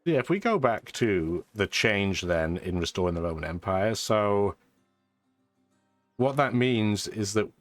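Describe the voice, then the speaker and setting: A man with a lowish voice and lively intonation speaks at a measured pace, giving dry, casual, chatty commentary as he plays a strategy game for his gaming video. His voice is congested from blocked sinuses and a lingering sore throat. Music plays behind him, and there's no echo.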